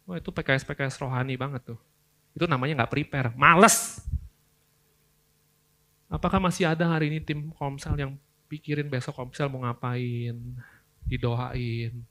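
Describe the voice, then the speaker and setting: A young man, preaching a lively youth sermon, swinging between loud outbursts and quiet earnest asides. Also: medium pitch, normal speed, long pauses. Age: young adult. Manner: casual slangy Jakarta-style delivery.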